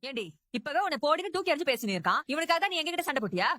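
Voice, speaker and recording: A woman's voice: high-pitched, sing-song, very fast, bright, forceful tone, dry recording, studio quality, exaggerated voice. An actress playing a woman who scolds a younger woman in a reproachful, taunting way, in TV serial acting.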